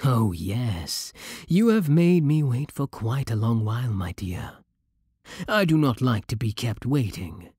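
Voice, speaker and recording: Voicing a seductive British vampire king in ASMR, a man speaks at medium pitch in a full character voice, slow, imperious, husky and very breathy, with a lively, swooping melody. His formal, teasing delivery sits close to a dry microphone with no echo, and the mood is commanding and possessive.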